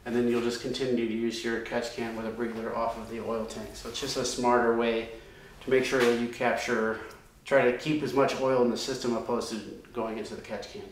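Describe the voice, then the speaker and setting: A man in his thirties, far from the mic, explains his race car's oiling system at a workshop chalkboard, with a little hiss or hum on the recording. His medium-pitched voice barely moves in pitch and runs fairly quick; his explanation is casual, with many ums and restarts, and the room echoes heavily.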